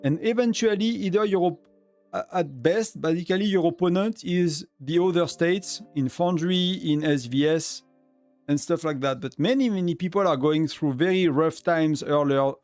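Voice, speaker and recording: A man's voice: a little high, darkish tone, no room sound. French-accented man rambling on a gaming stream. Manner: rambling, many fillers and restarts, chuckles often. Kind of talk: casual live-stream chat.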